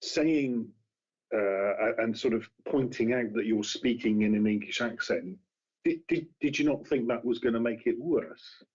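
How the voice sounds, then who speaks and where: Husky man questioning at a hearing. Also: medium pitch, measured pace, a little mellow. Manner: searching, restarts questions. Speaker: committee member. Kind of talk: formal questioning. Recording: dull lo-fi meeting room audio.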